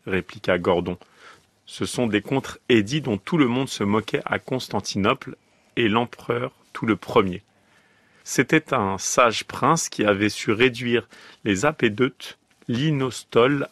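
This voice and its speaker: A man's voice: fairly low pitch, fairly bright tone, dry recording. A man reading a dictation on the radio, going word by word, calling out the punctuation and repeating each phrase. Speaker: dictation reader. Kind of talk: slow, deliberate dictation. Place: radio studio.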